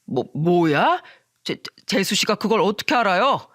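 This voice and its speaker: A woman's voice: mid-range voice, expressive, moderate pace, a bit bright, no room sound, studio quality, natural voice. A woman voicing a rude, drunk man who mocks his friend's wife and then gets flustered. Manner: slurred, mocking, laughing drunk.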